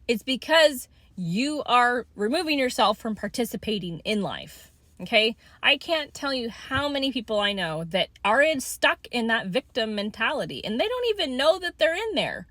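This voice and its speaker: A woman's voice: fairly high pitch, pushed and bright, dry recording. A middle-aged woman in a blunt, swearing tough-love rant to her viewers, often asking "okay?" between points. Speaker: vlogger. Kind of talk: ranting monologue to camera.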